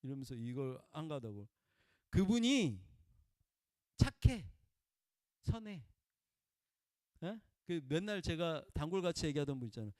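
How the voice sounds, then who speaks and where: A man preaching a conversational sermon in a folksy way, prompting listeners with "eh?" and swinging between loud emphatic bursts and quiet murmurs. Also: on the high side, sing-song, a little slow, long pauses, clean tone, no room sound, clean studio sound. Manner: folksy, peppers talk with prompting "eh?" to the congregation.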